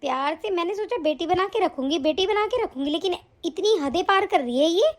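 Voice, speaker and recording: A woman voicing an older mother-in-law in an animated story, whiny and scolding. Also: very high-pitched, brisk. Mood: stern. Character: older mother-in-law, tearful then stern.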